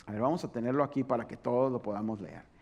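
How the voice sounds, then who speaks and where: A man pastor preaching a sermon, animated, acting out voices and asking the congregation questions. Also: mid-range voice, fast talker, vocal fry, breathy edge, lo-fi sound.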